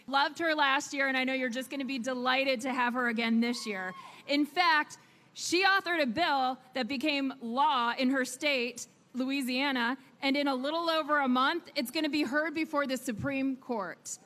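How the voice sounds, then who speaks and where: A woman's voice: high voice, moderate pace, pushed and bright. An enthusiastic woman hosting a rally and introducing a speaker over an amplified sound system. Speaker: event host introducing a speaker. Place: large event, amplified. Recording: reverberant, noisy outdoor PA.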